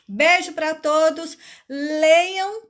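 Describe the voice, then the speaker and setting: A woman leads a phonics lesson for adult learners, sounding out syllables slowly and patiently. Her voice sits high. She takes her time over each word. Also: fairly even intonation, fairly bright tone. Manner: patient, drawing out syllables one by one. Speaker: adult literacy teacher.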